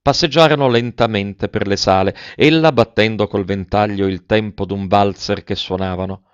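Uomo dalla voce grave che legge un romanzo. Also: male voice, on the low side, fairly even intonation, smooth, no room sound, dull audio. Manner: measured, literary. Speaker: narrator. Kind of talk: audiobook reading of a classic novel.

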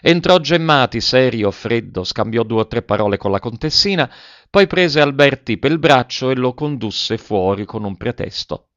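A man narrating a literary story in a measured, even reading. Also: medium pitch, dull audio. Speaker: audiobook reader.

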